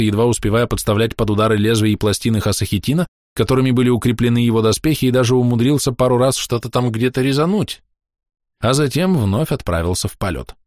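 A man reading a fantasy novel aloud as audiobook narrator, in a steady storytelling manner. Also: fairly low pitch, no echo, clean studio sound. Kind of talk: scripted narration.

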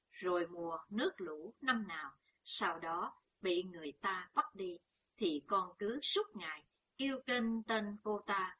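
Woman reading as an anxious scolding old mother, slow, bright, slightly husky, storybook. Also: lowish voice, full character voice. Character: worried older peasant mother.

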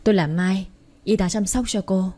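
A woman voicing a kind, caring nurse who speaks gently and solicitously. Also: medium pitch, steady tone, normal speed, lightly acted. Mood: concerned.

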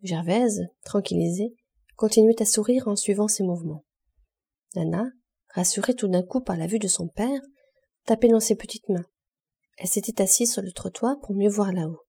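A woman narrating a classic novel as an audiobook reader, measured and expressive in short phrases. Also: medium pitch, gravelly, husky. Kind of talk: scripted literary narration.

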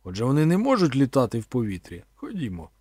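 A man's voice: medium pitch, huge pitch swings, quick pace, darkish tone, no room sound, studio quality. A man doing a wary warrior chieftain. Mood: eager. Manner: uneasy, muttering.

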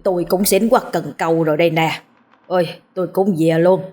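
A woman's voice: on the low side, steady tone, brisk, warm tone, close to an everyday voice. A woman doing a teasing old drunk. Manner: joking, protesting. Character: teasing drunken old village man, boisterous.

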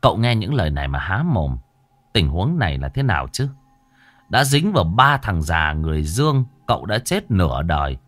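A man narrates a horror story in a low voice with lively swings of pitch. His storytelling is dramatic, and the recording is dry and close. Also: normal speed, no room sound.

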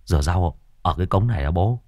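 A man's voice: low voice, lively intonation, fast, a little mellow, no room sound, studio quality, voice pushed down. A man doing a squeamish worried teenage son. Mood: anxious.

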